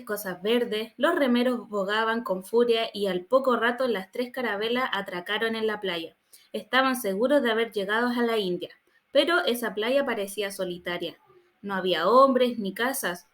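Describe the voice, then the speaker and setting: A woman's voice: on the high side, fairly bright tone. A woman reading a children's audiobook, telling the story plainly in a child's first-person voice. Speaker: audiobook reader.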